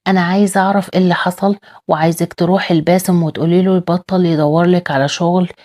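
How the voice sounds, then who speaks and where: A woman's voice: on the low side, fairly even intonation, very fast, darkish tone, lightly acted. A woman with an Egyptian accent reading the lines of an angry, proud father in her own voice. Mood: pleading. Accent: Egyptian Arabic.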